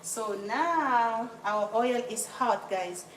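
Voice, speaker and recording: A Cameroonian woman casually chats through a cooking livestream in her home kitchen, welcoming viewers by name and apologizing as she multitasks. Her higher-pitched voice is animated yet very slow, captured in poor audio with a slight hiss or hum.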